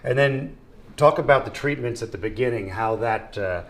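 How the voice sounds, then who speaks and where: Male telethon host, casual interviewer, halting delivery, warmly effusive. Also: mid-range voice. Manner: halting, with frequent restarts and fillers; openly admiring and effusive.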